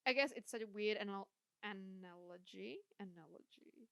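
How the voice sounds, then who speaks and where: A young woman co-hosts a casual podcast in a mid-range, gravelly voice at normal speed. She's chatty, swears freely and uses lots of filler words.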